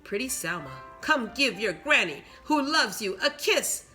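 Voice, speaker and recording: A woman's voice: fairly high pitch, very animated, measured pace, pushed and bright, soft background music, exaggerated voice. A woman reading aloud and voicing a loving elderly grandmother who coos fondly in a sing-song way. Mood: doting.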